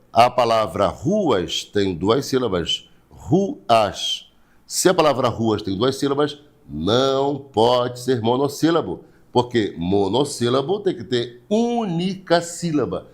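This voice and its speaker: A Brazilian man teaching an online writing class, repeating key points step by step and reading viewers' names. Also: medium pitch. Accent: Brazilian Portuguese. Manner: repetitive, explains step by step, asks rhetorical questions; greets viewers by name, blesses them.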